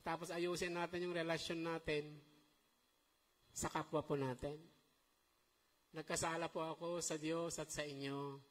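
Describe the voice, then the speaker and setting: A middle-aged man preaching in a church hall with a high, lifted voice. He keeps the delivery animated and turns to the congregation for responses. A long reverb trails behind every phrase. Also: a little slow, pauses often. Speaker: pastor. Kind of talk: sermon.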